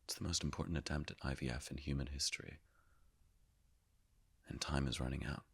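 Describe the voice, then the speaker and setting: An actor playing the Higgs boson as a calm, all-knowing narrator, telling his story in a measured way and sinking often into hushed whispers. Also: rumbling low, vocal fry, slightly rough, exaggerated voice. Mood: hushed awe. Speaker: actor performing a stage monologue. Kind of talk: theatrical monologue.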